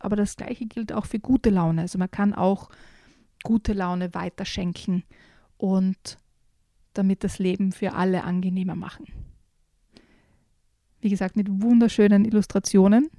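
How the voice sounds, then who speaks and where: Woman, casual book chat, enthusiastic, mellow, dry. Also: mid-range voice, no echo. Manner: warmly enthusiastic, reads aloud. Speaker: book reviewer co-host.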